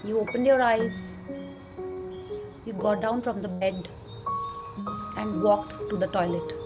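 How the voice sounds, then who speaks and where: A woman with an Indian accent leading a guided relaxation in a slow, gentle, soothing manner. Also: medium pitch, over music. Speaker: instructor leading a gratitude and breathing class.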